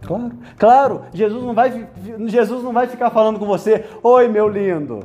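A man's voice: high voice, fairly even intonation, fairly quick, dark tone, soft background music. A man with a Brazilian Portuguese accent giving a spoken meditation to young men, conversational and playful, tagging phrases with "né?". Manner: conversational, frequent "né?" tags, playful asides.

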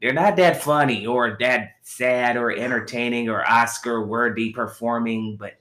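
A man co-hosting a casual podcast, telling stories with lively, acted-out quotes. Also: medium pitch, unhurried. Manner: animated storyteller acting out quoted voices. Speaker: podcast co-host. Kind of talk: casual storytelling chat. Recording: roomy echo.

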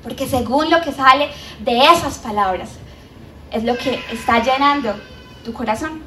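High-voiced Colombian woman preaching. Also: normal speed, slight background noise. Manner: animated, acts out voices of doubters. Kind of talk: sermon. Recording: roomy, from a distance.

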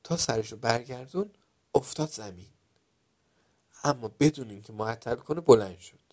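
A man narrating a children's story dramatically, dropping to a hush at some moments and getting loud at others. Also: medium pitch, animated, husky. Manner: dramatic, loudness swinging from hushed to loud.

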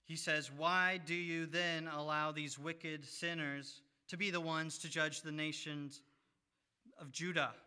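A man preaching a sermon, reading scripture in a measured way with pauses. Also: on the high side, steady tone, pushed and bright, clear, resonant tone.

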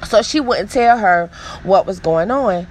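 A woman's voice: medium pitch, expressive, measured pace, a little mellow, slight background noise, low-quality recording. A woman hosting a casual gossip show, chatty, sassy and emphatic. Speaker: host.

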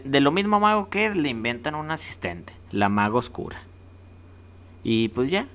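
A man's voice: mid-range voice, fairly bright tone. A man with a Mexican accent hosting a casual countdown vlog, rowdy and jokey with heavy slang. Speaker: host.

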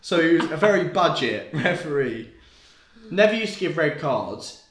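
A man's voice: a little high, big pitch swings, normal speed, a bit bright. A young man from England on a podcast, chatting and telling stories, laughing often and acting out scenes. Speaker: podcast co-host. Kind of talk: casual chat. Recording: roomy echo.

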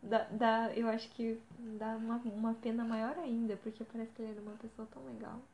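A young woman co-hosts a podcast, chatting casually and exclaiming often. Her voice is fairly high, a little mellow, and slightly fast, with little pitch movement, recorded in an echoey room with faint background noise.

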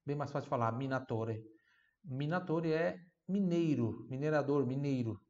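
A man teaching a language online, repeating words slowly and clearly, then explaining them and asking viewers to repeat. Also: mid-range voice, darkish tone. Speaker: Italian teacher. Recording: slightly dull lo-fi sound.

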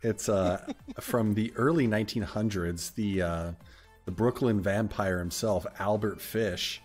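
A man with a fairly low voice co-hosts a casual podcast. He talks loosely, dropping dry jokes and laughing often. Faint music sits under his voice. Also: measured pace, a little mellow. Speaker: podcast co-host.

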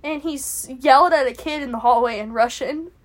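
Giggly high-voiced teenage girl. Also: fairly quick. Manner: giggly, rambling, self-mocking. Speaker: podcast co-host. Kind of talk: casual chat.

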